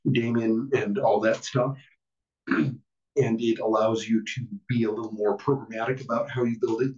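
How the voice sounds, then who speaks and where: Man presenting to a small crowd, halting and filler-heavy, self-deprecating, heard from a distance in an echoey room. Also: mid-range voice, a little mellow. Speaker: presenter at a user group meeting. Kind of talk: casual technical presentation. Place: meeting room with an audience. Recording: distant, roomy, dull room recording.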